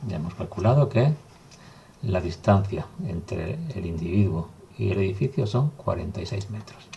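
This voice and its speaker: Guy teaching math slow and step by step, low gravelly voice, faint hiss and typing behind. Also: muffled recording. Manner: calm, step-by-step explaining while writing. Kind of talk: recorded math lesson.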